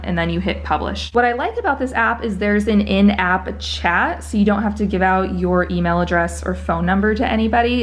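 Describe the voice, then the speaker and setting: A woman vlogger chatting casually to her viewers in an informal, upbeat and enthusiastic way. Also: medium pitch.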